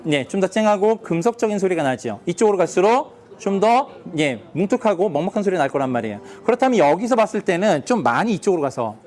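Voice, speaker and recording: A man's voice: high voice, very animated, fast talker, few pauses, a little mellow. A man teaching a guitar lesson, explaining step by step, asking the class questions and counting beats aloud.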